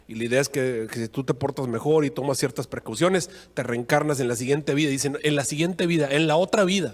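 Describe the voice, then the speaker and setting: A man with a Mexican accent preaching a sermon as a pastor, in a folksy, joking, conversational way. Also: on the high side.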